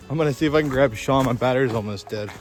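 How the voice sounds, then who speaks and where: Out in a winter forest beside old railroad tracks, a man metal detects while narrating to the camera. His mid-range voice sounds chatty and excited as he thinks aloud while digging and talks through every find.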